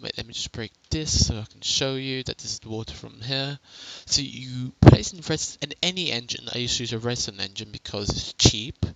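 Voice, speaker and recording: Young male gamer, gravelly, chatty home-recorded tutorial voice. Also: medium pitch, fairly quick, hardly any pauses, a little hiss or hum, poor audio. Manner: rambling, self-correcting, chatty. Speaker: game tutorial narrator. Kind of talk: casual gameplay tutorial. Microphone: headset.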